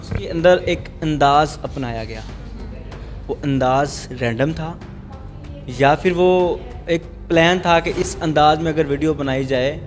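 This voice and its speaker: Pressing male interviewer, faint music. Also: fairly high pitch. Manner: pressing, challenging. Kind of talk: probing interview questions.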